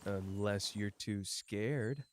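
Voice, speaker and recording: In an ASMR roleplay, a man with a lowish voice and drawn-out words plays a cocky, playful young sorcerer who teases but cares. He speaks smugly and intimately to the listener in a teasing, drawling manner.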